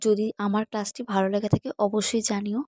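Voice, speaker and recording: A woman teacher with a Bengali accent giving a grammar lesson, reading example sentences slowly and deliberately, then explaining them more quickly. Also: mid-range voice, little pitch movement, darkish tone, no echo, rough recording. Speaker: English teacher. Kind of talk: slow, measured grammar lesson.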